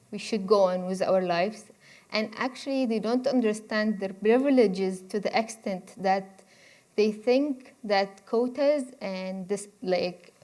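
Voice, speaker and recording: A woman's voice: medium pitch, a little mellow. A woman, giving a conversational university lecture and inviting the audience to interrupt with questions. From Egypt. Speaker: guest speaker.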